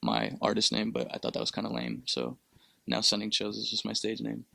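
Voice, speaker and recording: A young Peruvian man, a musician guest in a casual interview, answers questions in a laid-back, rambling way full of fillers and swearing. His voice is on the low side, creaky and slightly rough with a sharp tone, very animated and a little fast, captured in a dry recording.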